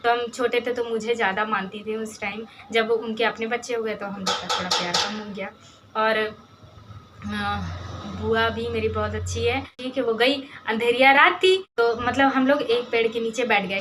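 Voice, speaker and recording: A young woman chats her way through childhood village memories, rambling and restarting often. Her voice sits a little high and sounds bright, with a faint hiss of noise under it. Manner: rambling, chatty, many fillers and restarts. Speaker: vlogger. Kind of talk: casual storytelling about her village childhood.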